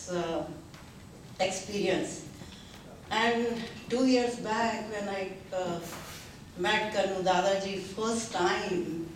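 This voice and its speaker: Recorded from a distance in a heavily echoing seminar hall, a woman in her 70s speaks haltingly and slowly to a gathering, with frequent pauses and fillers. Hindi is her first language, and her voice sits at medium pitch. There's slight background noise.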